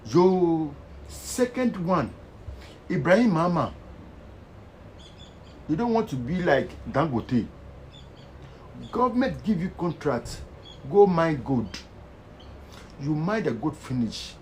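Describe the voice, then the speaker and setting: Animated man ranting in Ghanaian Pidgin. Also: fairly high pitch, slow pace, pauses often, a little hiss or hum, poor audio. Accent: Ghanaian Pidgin English. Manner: fervent, animated, preachy. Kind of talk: impassioned social media rant.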